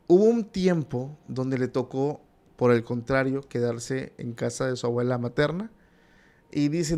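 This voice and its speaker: A man's voice: medium pitch, gravelly, a little mellow. A man, a podcast guest retelling a horror story in a conversational way with many asides.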